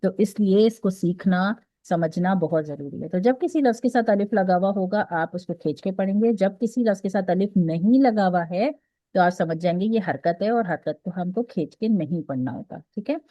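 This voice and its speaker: A woman's voice: medium pitch, moderate pace, dark tone, no echo, muffled recording. A woman with a Pakistani Urdu accent teaching an online Quran recitation class, explaining step by step and often checking that her students follow. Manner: patient, explains step by step with frequent "theek hai?" checks.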